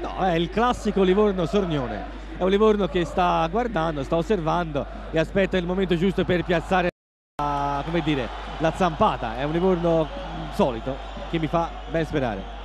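A man's voice: fairly high pitch, moderate pace. A man giving live football analysis as co-commentator from a noisy stadium. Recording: noisy stadium broadcast with crowd. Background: stadium crowd noise.

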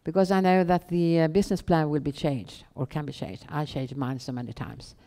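A middle-aged woman with a Swedish accent, answering questions on stage in a measured, halting way with pauses. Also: low voice, steady tone, dark tone. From Sweden. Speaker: guest, bank founder and chief executive. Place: indoor event room on a small stage. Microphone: headset.

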